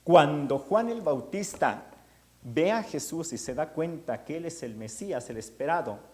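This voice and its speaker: Priest telling a lively sermon. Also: male voice, a little high, unhurried. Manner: animated storytelling.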